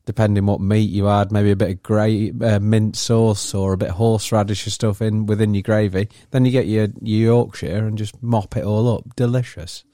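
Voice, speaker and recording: A man ribbing his friends in a relaxed podcast chat, cursing freely and breaking into laughter. The sound is dry and close, with no room around it. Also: fairly low pitch, no echo. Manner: teasing, swears, quick laughs. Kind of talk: casual podcast banter.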